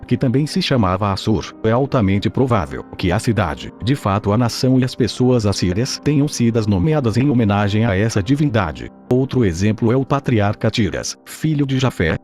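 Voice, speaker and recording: A man's robotic text-to-speech voice reading a scripted explainer narration in a steady, even, machine-like way. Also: fairly low pitch.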